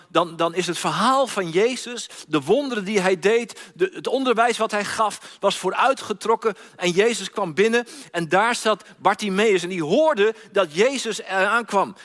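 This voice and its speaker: A man's voice: sits high, fairly bright tone. A man preaching a sermon, retelling a story and acting out its cries, often repeating words as he goes. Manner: storytelling, acts out quoted cries, frequent repeats. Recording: long hall reverb.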